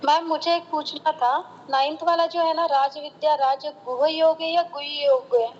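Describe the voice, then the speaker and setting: A woman student in an online class chanting a mantra list slowly and dutifully, and politely asking about pronunciation. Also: sits high, fairly even intonation, a little mellow, in a large hall, lo-fi sound, slight background noise. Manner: slow, dutiful chanting, asks polite questions.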